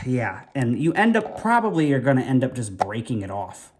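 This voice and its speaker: A man's voice: mid-range voice, sing-song, normal speed, noisy background. A man giving a casual hands-on toy review indoors at home. He talks in a chatty, rambling way and thinks aloud while he works with his hands.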